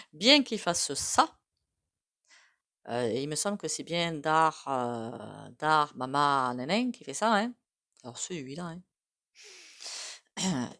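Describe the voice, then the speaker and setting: A woman's voice: low-pitched, fairly bright tone. A woman with a regional French accent giving a casual, rambling tarot reading, full of hesitations and asides. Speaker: tarot card reader.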